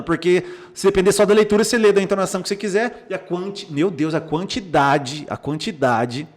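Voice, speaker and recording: A young Brazilian man, a psychologist, chatting casually on a podcast and acting out the remarks he quotes. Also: high-pitched. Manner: animated storyteller, acts out quoted remarks, frequent restarts. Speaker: psychologist guest.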